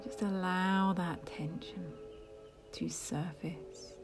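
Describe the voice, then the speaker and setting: Woman meditation guide, soft half-whisper, unhurried, over gentle music. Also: on the low side, fairly even intonation. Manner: slow, soft, half-whispered with long pauses.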